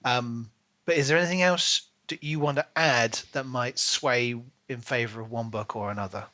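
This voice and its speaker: As a podcast co-host, a man chats casually and enthusiastically about books, his delivery emphatic. His mid-range voice has a sharp tone and moves at normal speed.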